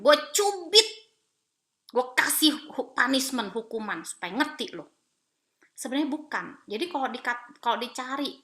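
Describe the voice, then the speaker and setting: A woman pastor from Palembang, Sumatra, preaching a women's Bible talk in a conversational, animated way, slipping in English phrases. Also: a little high.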